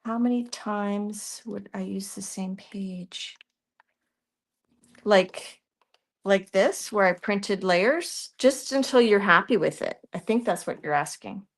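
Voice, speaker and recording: A woman with a Canadian accent speaks slowly at a medium pitch while hosting a live art tutorial. She chats through her work as it unfolds and answers viewer questions. Thinking out loud, she frequently trails off partway through sentences.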